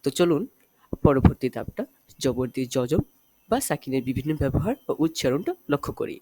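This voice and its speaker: A man teaching Arabic letter reading, reciting each letter and vowel mark in a slow, deliberate drill. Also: mid-range voice, very animated, warm tone. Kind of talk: spelled-out letter drill lesson.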